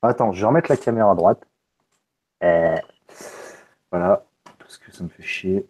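Mellow man streaming live. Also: sits low, moderate pace. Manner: loose and joking, swears casually. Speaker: tech streamer. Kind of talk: casual live unboxing stream.

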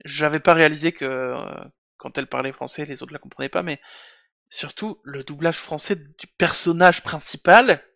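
A man's voice: fairly high pitch, normal speed, creaky, bright, forceful tone, no room sound, studio quality. A man co-hosting a casual live stream, talking with frequent fillers and restarts. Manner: hesitant, many fillers and restarts. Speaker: podcast co-host.

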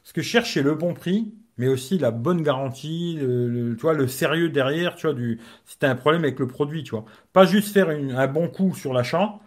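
A man's voice: on the high side, moderate pace, few pauses. A man hosting a casual live stream as a tech reviewer. He talks in slangy, rambling French and keeps adding "tu vois".

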